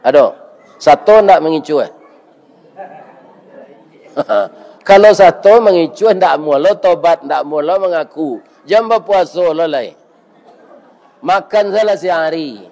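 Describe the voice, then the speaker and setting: A man's voice: fairly high pitch, slow pace, pauses often, a little mellow, a faint crowd. An older man preaching a casual village sermon with a Minangkabau accent, bantering with his listeners and often asking "right?". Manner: folksy, bantering, keeps asking "iya kan?". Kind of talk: village sermon with crowd questions.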